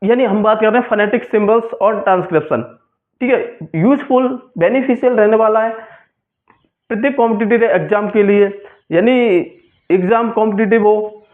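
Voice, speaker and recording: High-voiced man teaching, tinny audio. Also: normal speed. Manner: repetitive, asks and answers own questions; mixes English terms into Hindi. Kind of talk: exam-prep class lecture.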